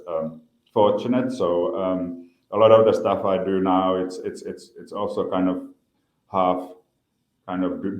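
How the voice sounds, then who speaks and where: A man's voice: low-pitched, darkish tone. A man in his fifties from Finland with a Finnish accent, answering interview questions hesitantly, with many repeated words and fillers. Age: 50s. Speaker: guest. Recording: echoey room.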